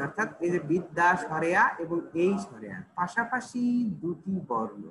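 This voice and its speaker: A man's voice: high voice, a bit bright, slight background noise, rough recording. A man with a Bangladeshi Bengali accent teaching an online grammar class, explaining step by step and often checking that students follow. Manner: explains slowly, repeats and checks with "ঠিক আছে?".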